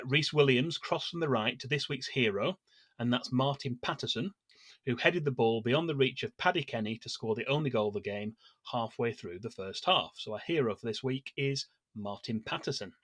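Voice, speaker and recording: A man co-hosting a football fan podcast, calmly reading prepared notes on past matches with small hesitations and fillers. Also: medium pitch, dry recording, studio quality. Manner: measured, steady delivery of scripted match history with small hesitations. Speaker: podcast co-host.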